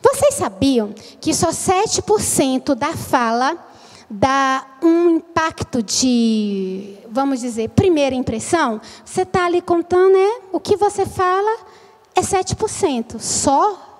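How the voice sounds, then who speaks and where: Animated woman lecturing in an echoing hall. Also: high voice, takes it slowly. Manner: animated, acts out examples in different voices. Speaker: lecturer training church children's workers. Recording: long hall reverb.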